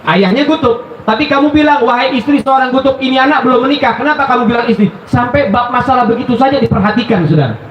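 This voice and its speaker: A man preaching a sermon, telling stories in an animated way and addressing his listeners as brothers at a religious gathering. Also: very high voice, fast, slight background noise. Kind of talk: sermon storytelling. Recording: echoey, dull live recording.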